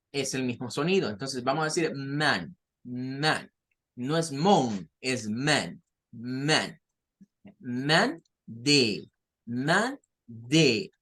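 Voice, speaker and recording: A man with a Latin American Spanish accent teaching an English lesson, patiently explaining and repeating words slowly for pronunciation. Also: a little high, a bit bright.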